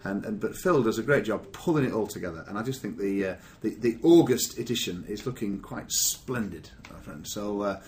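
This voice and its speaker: A man hosting a business podcast, talking in a loose, rambling way full of fillers. His voice sits at an ordinary pitch, with a faint hiss behind it. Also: expressive, a little fast, few pauses, a little mellow. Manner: chatty, rambling with many fillers. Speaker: podcast host. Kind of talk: casual podcast chat.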